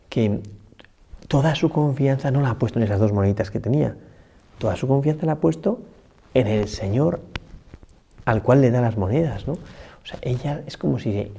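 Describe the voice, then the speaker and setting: A man's voice: mid-range voice, mellow, breathy edge. A priest speaking gives a conversational morning homily, often adding tag questions and restarting his sentences. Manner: conversational, many rhetorical tags and restarts.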